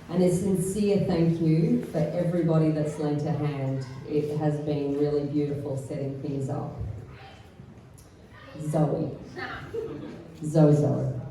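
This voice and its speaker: Middle aged mum reading her wedding speech, dry deadpan jokes, lowish voice, really echoey and far from the mic. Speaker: mother of the bride giving a speech. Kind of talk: wedding speech read aloud, affectionate roast. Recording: echoey venue, far from mic, faint noise.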